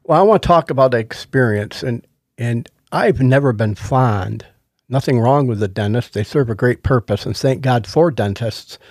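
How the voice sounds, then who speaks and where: Studio-quality audio with no room sound captures a middle-aged podcast co-host sharing a personal testimony in an earnest, casual way. Following oral surgery he speaks toothless and lisping, in a mid-range voice at a moderate pace.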